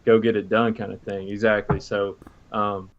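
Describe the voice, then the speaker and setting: Man, podcast co-host, rambling casual sports talk, monotone, lo-fi recording. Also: fairly low pitch, normal speed, a little hiss or hum. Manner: rambling, many fillers and restarts. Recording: dull lo-fi mic audio.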